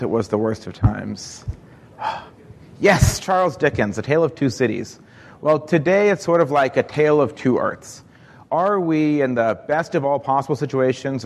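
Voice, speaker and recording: A man in his forties, originally from Egypt, gives an upbeat keynote talk on stage and quizzes the audience as he goes. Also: medium pitch. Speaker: conference speaker. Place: large hall. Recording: reverberant hall, live event.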